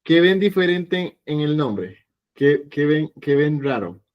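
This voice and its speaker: A man teaching an evening language class, patient and explanatory, slowly repeating sounds for his students. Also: fairly high pitch, big pitch swings, highs cut off. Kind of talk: online class lesson.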